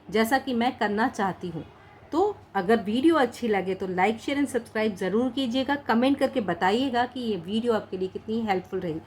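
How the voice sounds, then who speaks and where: A woman teaching a shorthand lesson in Hindi mixed with English words. She speaks patiently, slowly says each practice word and repeats it. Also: on the high side, a little hiss or hum. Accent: Indian English words mixed into Hindi.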